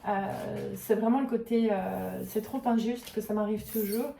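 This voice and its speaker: Mellow-voiced woman giving an intuitive card reading. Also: medium pitch, measured pace, vocal fry, a little hiss or hum. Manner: hesitant, searching for words with many fillers. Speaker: tarot and oracle card reader. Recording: roomy echo, voice a little far from the mic.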